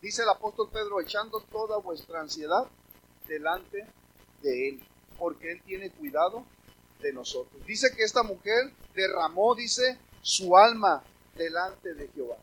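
High-voiced emphatic male preacher. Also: expressive, unhurried, a bit bright, breathy edge, low-quality recording. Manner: emphatic, addresses the congregation with questions. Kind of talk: sermon with scripture reading.

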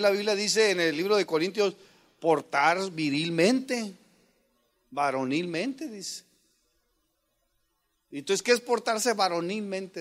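A middle-aged man, a pastor giving a humorous sermon; he jokes with the congregation, calls them brothers, and suddenly shouts quoted commands. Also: high-pitched.

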